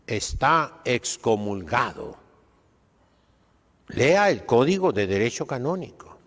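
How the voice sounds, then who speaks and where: A man with a Mexican accent delivers a sermon as a priest, speaking at an unhurried, deliberate pace in a mid-range voice. He is emphatic and preachy, tagging his points with questioning asides to his listeners. The recording carries a long hall reverb. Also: medium pitch, a bit bright.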